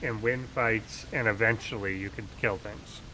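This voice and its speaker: A man's voice: fairly low pitch, steady tone, normal speed, sharp tone, a little hiss or hum, rough recording. A man co-casting live esports, laid-back and agreeable, often answering with "yeah" and "indeed". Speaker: co-caster.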